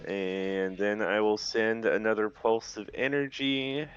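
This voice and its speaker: A man talking casually as a tabletop game player, halting and deliberate as he lays out moves. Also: fairly low pitch, fairly even intonation. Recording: dull lo-fi, faint music behind.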